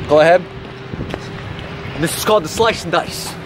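A man's voice: fairly high pitch, moderate pace, heavy background noise. Goofy hyped young guy on the street. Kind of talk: casual joking outdoors.

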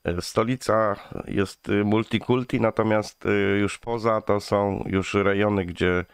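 A man's voice: fairly low pitch, steady tone, measured pace, smooth, no room sound, clean studio sound. A man from Poland hosting a casual interview, chatty and searching for words with many fillers. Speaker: host.

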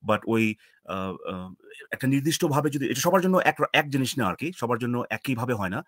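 A man's voice: medium pitch, expressive, a little fast, slightly rough, dry recording. Hesitant man, dry close sound. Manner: hesitant, many fillers and restarts while searching for words. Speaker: panelist. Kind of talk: casual live discussion.

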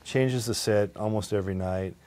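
A man's voice: lowish voice, normal speed, a little mellow. A man from California, a guitarist being interviewed at his home, chatting casually, laughing often and acting out little quoted lines as he tells stories. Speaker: guitarist guest. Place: at his home estate by the pool.

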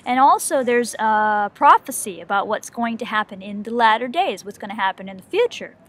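A woman's voice: on the high side, animated, fairly quick, fairly bright tone. A mother talking casually about a Bible book on her video blog, rambling and chatty, full of "okay" and "you know.".

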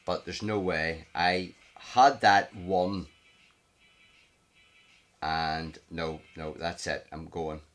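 A man's voice: sits low, fairly even intonation, extremely slow, long pauses, a bit bright, soft background music. A man with a Northern Irish accent giving live commentary on a mobile game, exasperated, muttering and swearing at the screen. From Northern Ireland. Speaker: gaming vlogger. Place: home at night.

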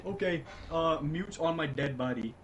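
A young man in casual gaming chat, joking and reacting quickly while playing, laughing often. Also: fairly high pitch. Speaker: gamer. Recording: noisy voice chat.

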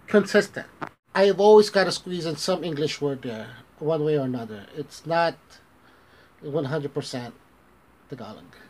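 Holding a phone camera at arm's length in a small bedroom, a man in his thirties vlogs casually, rambling, restarting, and mixing in Tagalog phrases. Originally from the Philippines and raised in the US, he has an American accent and a fairly high, slightly mellow voice, speaking unhurriedly with long pauses on low-quality audio.

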